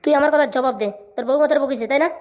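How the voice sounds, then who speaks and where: This is a cocky young nephew in a cartoon who boasts and schemes, played by a woman. He talks very fast, with a swaggering, bossy push behind his words. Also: sits high, steady tone, darkish tone, lo-fi sound, natural voice. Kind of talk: cartoon voice acting.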